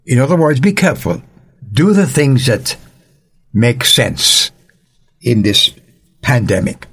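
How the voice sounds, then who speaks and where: An older man from Jamaica, giving gentle devotional counsel as a radio Bible teacher, earnest and fatherly with a touch of dry humor. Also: mid-range voice, very animated, takes it slowly, slightly rough.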